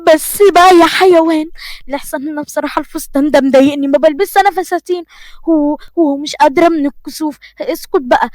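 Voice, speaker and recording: Fiery young Egyptian bride, played by a woman, high and snappy, dry and close. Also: quick pace, a little mellow, dry recording, natural voice. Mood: flustered. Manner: snappy, flustered scolding. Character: fiery young bride-to-be, shy but proud.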